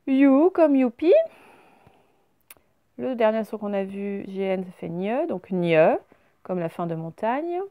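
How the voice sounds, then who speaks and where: A woman teaches a recorded reading lesson to young children. She talks them through each word slowly and clearly, step by step. Her voice sits in a middle pitch and is recorded close and dry. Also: animated, dry recording, phone-quality sound.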